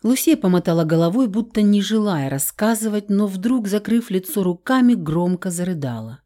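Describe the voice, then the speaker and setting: A woman reading a first-person audiobook in an even, measured storytelling manner. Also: mid-range voice. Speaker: narrator.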